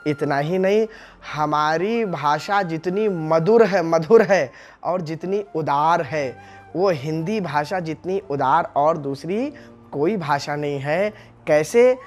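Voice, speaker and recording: Male spiritual teacher, unhurried discourse, rhetorical questions to the crowd, soft music in the background. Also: on the high side. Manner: explains Hindi sounds by voicing each syllable; addresses the audience as friends, asks rhetorical questions. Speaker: religious teacher. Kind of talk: devotional discourse.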